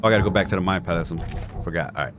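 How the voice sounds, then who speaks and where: A man's voice: sits low, rapid-fire. A man giving casual video game playthrough commentary with informal, jokey asides. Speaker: gaming streamer. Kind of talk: casual playthrough commentary, reading clues aloud.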